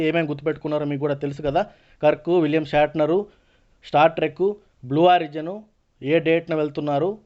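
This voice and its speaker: Higher-pitched Telugu-accented man teacher mixing in English. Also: a little mellow. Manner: mixes Telugu with many English words. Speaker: online exam-prep teacher. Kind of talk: explanatory online lesson. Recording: dull, lo-fi voice recording.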